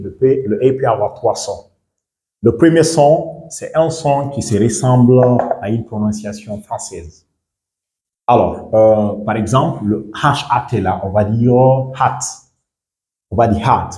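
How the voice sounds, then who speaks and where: A man's voice: mid-range voice, lively intonation, dark tone. Echoey-voiced teacher man from Guinea. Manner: repeats words slowly, checks understanding with questions. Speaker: English teacher. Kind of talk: bilingual classroom lesson.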